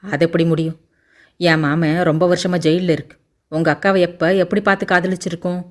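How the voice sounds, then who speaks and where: A woman's voice: fairly low pitch, flat delivery, close to an everyday voice. Woman voicing a blunt 18-year-old village girl. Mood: doubtful. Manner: blunt, quick-tempered. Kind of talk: audiobook character voice.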